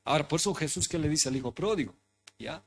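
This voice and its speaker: A man's voice: a little high, lively intonation, quick pace, slight background noise. A man preaching a sermon in church who keeps asking his congregation questions and repeating his phrases. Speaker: pastor. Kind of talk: interactive sermon. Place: church hall.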